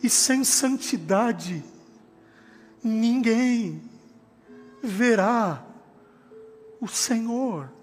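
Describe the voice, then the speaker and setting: A man preaching a sermon as pastor, passionate, moving from hushed talk to shouting. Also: very high-pitched, lively intonation, very slow, pauses often. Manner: impassioned preaching, swinging from quiet to shouting. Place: large church hall. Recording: long hall reverb with faint music.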